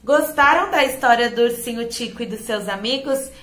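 A woman teacher reading a children's story aloud, animated and expressive. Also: on the high side, moderate pace. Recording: echoey room.

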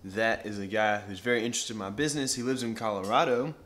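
A young adult male vlogger with a fairly low yet bright-toned voice talks fast and casually to camera, upbeat and slangy in short, punchy phrases. The camera seems to sit at arm's length or on a table.

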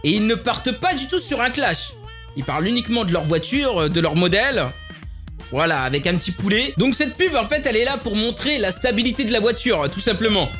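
High, lively young-sounding male vlogger. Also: fairly quick. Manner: chatty, amused. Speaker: YouTuber reacting to ads. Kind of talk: casual commentary. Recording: music playing underneath.

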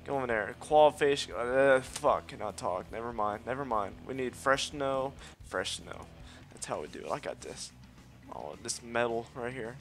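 Speaking at normal speed in a mid-range voice, this let's play host excitably narrates his game live and brags a lot. Soft background music plays while he curses frequently, trash-talks cockily, and yelps whenever things go wrong.

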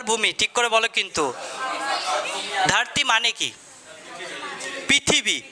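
A man's voice: extremely high pitch, sharp tone. A man teaching a classroom lesson in a Bengali accent, quizzing students and repeating their answers back.

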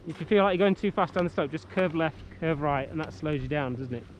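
A man with a fairly high voice chats while skiing down a slope, gently encouraging and coaching. He is recorded outdoors on a helmet camera. Faint noise sits behind him. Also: quick pace, lo-fi sound. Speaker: parent skiing with his son. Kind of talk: casual chat. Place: outdoors on a snowy ski slope.

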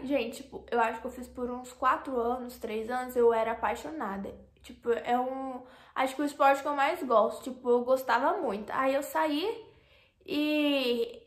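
A young Brazilian woman talks to camera in a loose, chatty vlog, her voice sitting high and bright. She rambles along with plenty of fillers and restarts. The sound bounces around an echoey room. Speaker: YouTuber. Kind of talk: casual vlog chat.

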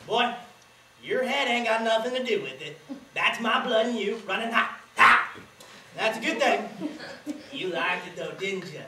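On a school stage, a student actor plays a boastful, sly old country grandfather, lecturing in a cackling folksy drawl with a medium-pitched, expressive voice at a slightly slow pace. The acting is light, the mood boisterous, and a crowd can be heard in the distant, echoey auditorium recording.

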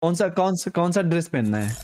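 A man's voice: a little high, brisk. A man streaming a team shooter, chatting with teammates and asking where enemies are. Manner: relaxed, asks teammates questions. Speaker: streamer leading the squad. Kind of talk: live gameplay chat.

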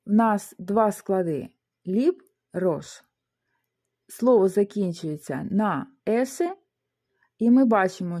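A woman teaching a beginner language lesson, explaining rules step by step and sounding out syllables slowly. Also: medium pitch, a little mellow. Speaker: Spanish teacher.

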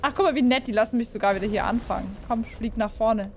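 Talking quickly in a fairly high voice, a young gaming YouTuber comments on a horror game she's playing, jumpy and exclaiming while frequently quizzing her viewers. Soft music plays in the background.

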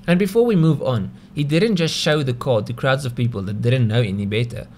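Speaking briskly in a medium-pitched, darkish voice, a South African-accented man hosts a scripted explainer video. He keeps it conversational and poses frequent rhetorical questions, with slight background noise behind him.

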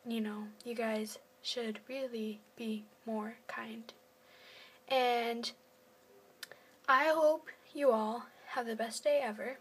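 A woman's voice: a little high, husky. A teenage girl rambling casually to her phone camera in her first vlog, self-deprecating and often dropping to a half-whisper. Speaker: first-time vlogger.

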